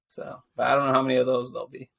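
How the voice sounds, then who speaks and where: A man's voice: medium pitch, completely flat delivery, rapid-fire, vocal fry. A man hosting a sports podcast in casual chat, teasing his co-host and steering the talk. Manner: chatty, teasing, steers the show.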